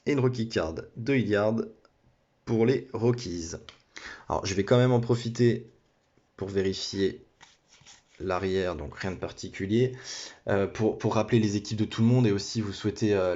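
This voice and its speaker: A man's voice: on the low side, normal speed, darkish tone. Man hosting a card break on a lo-fi phone. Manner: hesitant, many restarts and apologies. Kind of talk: casual card-opening commentary. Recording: dull lo-fi phone audio.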